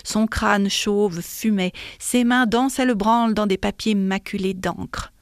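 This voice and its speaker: A woman reading a classic story aloud in a measured, expressive way. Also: medium pitch, dry recording, studio quality. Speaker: audiobook reader. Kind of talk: scripted narration of a classic novella.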